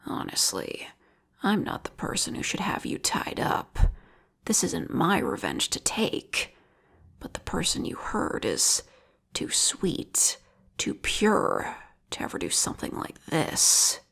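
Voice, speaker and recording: Here she plays the same lovesick, obsessive female vigilante killer in close audio roleplay, whispering in a gravelly, lowish voice that swoops wildly in pitch. The tone is a bit bright and the performance heavily acted, slow and taunting, full of menace.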